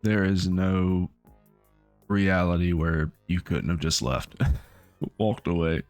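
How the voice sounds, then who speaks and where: A man's voice: deep voice, fairly even intonation, no echo, soft background music. A man hosting a reaction video, talking back at a clip in disbelief, often stopping and restarting his sentences. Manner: incredulous, halting with restarts. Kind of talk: reaction commentary.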